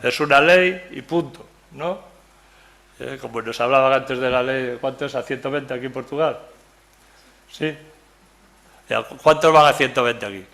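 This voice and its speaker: A man's voice: mid-range voice, moderate pace, creaky, long pauses, fairly bright tone. An older man from Galicia, giving a Bible study sermon in a conversational way, often asking "¿verdad?" and joking with his listeners. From Galicia, Spain. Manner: conversational, keeps asking "¿verdad?", jokes with the audience. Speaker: preacher. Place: church meeting room.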